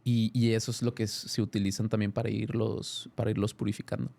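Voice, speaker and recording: A man in his thirties with a Mexican accent, a guest in a casual interview, telling a story in an animated way with many restarts and self-corrections. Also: fairly low pitch, a little fast, creaky. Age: 30s.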